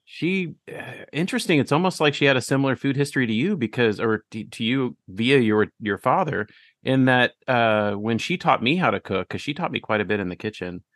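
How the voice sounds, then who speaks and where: A man's voice: mid-range voice, lively intonation, a little fast, fairly bright tone, dry recording, clean studio sound. A man hosting a podcast, chatting in a friendly way and riffing on his guest's stories. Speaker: podcast host. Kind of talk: casual chat.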